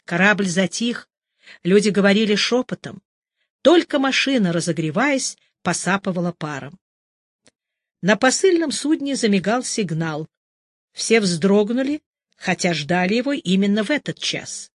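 A narrator reads prose in a measured, even way, as if recording an audiobook. The sound is dry and close, with no room around it, and the pitch sits in a middle register. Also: no echo. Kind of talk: scripted literary narration.

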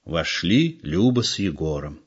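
A man with a low voice reads an audiobook expressively and acts out its characters. The recording sounds dull and lo-fi. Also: sing-song, measured pace, husky. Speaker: reader. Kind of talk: audiobook narration.

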